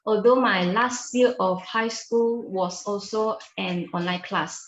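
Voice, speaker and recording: Speaking in a mid-range voice, a young Malaysian university student, a native Chinese speaker, answers interview questions with care, humming and pausing often. She is in an echoey room, and the recording is muffled with a noisy background.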